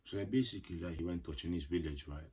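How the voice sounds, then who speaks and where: A young vlogger with Ghanaian parents tells a casual personal story on his channel, rambling with heavy "like" and "you know" fillers and playful slangy asides. His low-pitched voice moves very fast, with a darkish, slightly rough tone.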